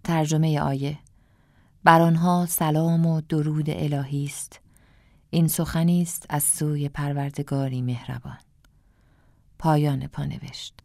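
A woman narrating a story in a calm, measured reading voice, sometimes dropping to a hush. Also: sits low, gravelly. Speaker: audiobook narrator.

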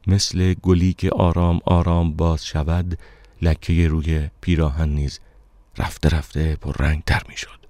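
Very deep-voiced male storyteller. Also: darkish tone, no room sound. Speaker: narrator. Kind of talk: dramatic audiobook narration.

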